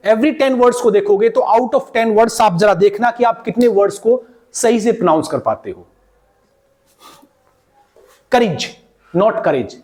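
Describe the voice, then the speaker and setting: A man teaching English pronunciation, repeating each word slowly again and again as a drill and calling his viewers "beta" in a fatherly way. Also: extremely high pitch. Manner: slow, repeats words many times for drill. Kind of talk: pronunciation lesson.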